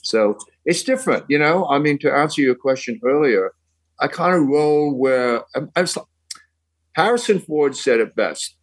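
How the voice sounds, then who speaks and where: A man's voice: on the high side, animated, normal speed, poor audio. An older man from England, a songwriter guest telling long, rambling anecdotes in casual podcast chat, dropping British slang.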